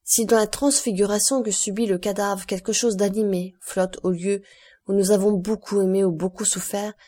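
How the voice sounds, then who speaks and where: A woman reads a grave male nobleman, once a sailor, who speaks with solemn earnestness. The audiobook voice is warm and dark-toned. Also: medium pitch, fairly even intonation, moderate pace, lightly acted. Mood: fervent. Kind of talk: audiobook character voice.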